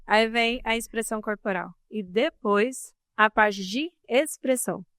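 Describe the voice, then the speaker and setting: A woman speaking as a podcast guest on communication, talking in a casual, expressive and emphatic way. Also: fairly high pitch, unhurried, no echo, clean studio sound.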